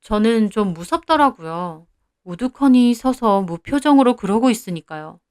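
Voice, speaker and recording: A woman's voice: on the high side, animated, normal speed, a little mellow, clear, resonant tone, no echo, clean studio sound. A young woman narrating a first-person story in a confiding, conversational way.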